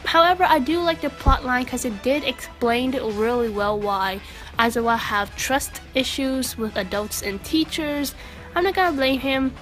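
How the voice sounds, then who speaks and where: A woman's voice: high voice, unhurried, fairly bright tone. A woman with a stuffy cold reviewing an anime in a blunt, casual rant full of "like" and the odd swear word. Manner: chatty, blunt, swearing, lots of "like". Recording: music playing behind.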